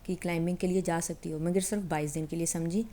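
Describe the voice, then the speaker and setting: A calm, fatherly dad, gently stern and indulgent toward his daughter, as a woman reads his lines. He speaks in a low, mellow voice, as in a told storybook. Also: natural voice.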